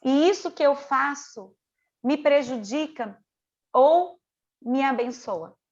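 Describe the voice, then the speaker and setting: Woman mentor, middle-aged, high bright voice, earnest teaching manner, dull lo-fi call sound. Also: lively intonation, takes it slowly. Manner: earnest, conversational, piles up rhetorical questions. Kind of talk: online mentoring lesson.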